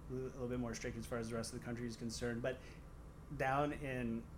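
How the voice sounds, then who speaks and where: A man's voice: mid-range voice, level tone, fast. A man with a Michigan, Great Lakes American accent, chatting casually in a rambling, dryly joking way. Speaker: stand-up comedian guest. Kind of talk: casual chat. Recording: noisy background ambience.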